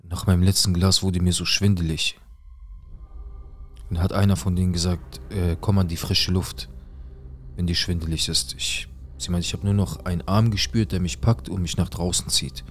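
Here a guest speaks in a deep, steady voice at moderate pace, with a little hiss or hum on the recording. He gives an intense, emotional first-person account of something he went through, performing the dialogue as he retells it.

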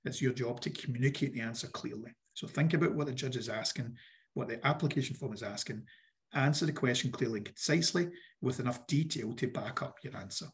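A man with a croaky voice, giving direct, instructive advice in an online workshop presentation. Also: medium pitch, a little fast. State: croaky voice, clearing his throat. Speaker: workshop presenter for a business funding competition.

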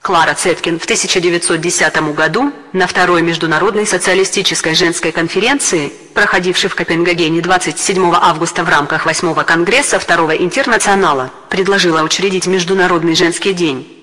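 A synthetic male text-to-speech voice reading an encyclopedia text in an even, mechanical way. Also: high-pitched, fast talker, long reverb tail. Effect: text-to-speech robot voice.

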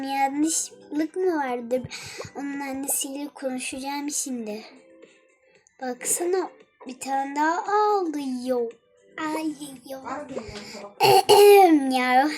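A woman's voice: high voice, darkish tone. A young girl chatting to herself while playing a game, cooing at cute animals and talking things through. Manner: chatty, coos at baby animals, talks to herself. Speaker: gamer. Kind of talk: casual game commentary.

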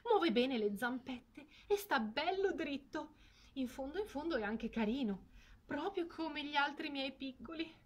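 A protective, proud mother duck from a storybook, her voice lifting high and loud whenever she defends her odd chick. A woman puts her on while telling the tale. She speaks with fussy, emphatic insistence. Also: lively intonation, a little slow. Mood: relieved.

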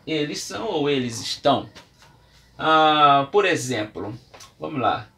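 A man's voice: a little high, lively intonation, a little slow, fairly bright tone. A man with a Brazilian Portuguese accent teaching English at a whiteboard, explaining patiently step by step with examples and writing as he talks. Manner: writes and erases on the board while talking. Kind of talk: classroom lesson. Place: room with a whiteboard.

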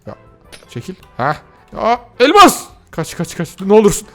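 A man giving excited let's-play commentary, gasping and exclaiming as he talks to his viewers and himself. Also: high voice, normal speed, soft background music. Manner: excitable, gasps and shouts at surprises. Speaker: gaming youtuber.

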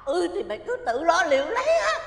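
An actress playing a panicked older aunt who stammers and orders people about. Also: female voice, extremely high pitch, huge pitch swings, quick pace, exaggerated voice. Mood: frantic. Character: frantic older aunt, flustered and bossy. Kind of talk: TV drama acting. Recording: roomy reverb.

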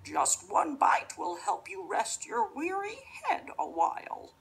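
A woman voicing a crafty old hobbling witch in a rhyming storybook, with a coaxing, breathy, sing-song delivery. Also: sits high, wildly swooping pitch, slow pace, slight background noise, voice pushed up, full character voice.

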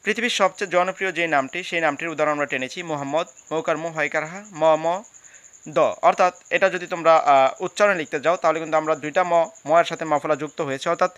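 Bright-voiced Bangladeshi male teacher. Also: a little high, fast, clean tone, dry recording. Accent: Bangladeshi Bengali. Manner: patient, repeats and spells out examples. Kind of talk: classroom lesson explaining rules.

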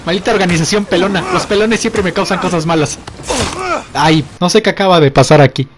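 A man's voice: high-pitched, brisk, very noisy. A young man with a Mexican accent doing let's play commentary, joking in slang and easily startled. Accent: Mexican Spanish. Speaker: gamer. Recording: game music playing behind.

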